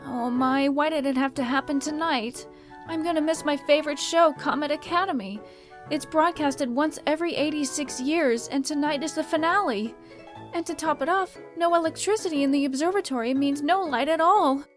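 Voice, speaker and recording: A woman plays an earnest cosmic princess with a high voice and a formal, dignified delivery. It is cartoon dub acting, with light music behind it. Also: moderate pace, close to an everyday voice. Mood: fretful. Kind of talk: animated comic dub acting.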